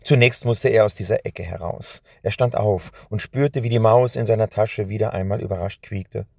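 Gravelly deep-voiced male storyteller. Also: no room sound, studio quality. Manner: calm, measured storytelling. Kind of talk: scripted storybook narration.

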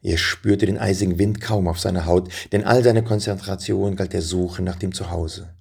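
A man calmly reading a storybook aloud as a scripted narration. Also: low-pitched, normal speed, gravelly, breathy edge.

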